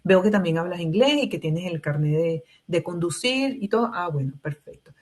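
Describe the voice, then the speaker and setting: A Venezuelan woman acting out a polite female recruiter running a short phone screening, with brisk, formulaic questions. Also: lowish voice, lively intonation, darkish tone, close to an everyday voice.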